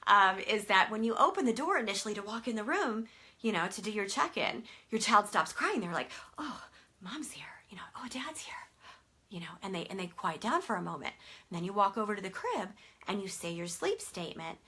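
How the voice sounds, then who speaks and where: Bright-voiced woman explaining to parents. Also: medium pitch, very animated, fairly quick, slightly rough. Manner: conversational, many fillers, emphatic. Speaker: sleep consultant.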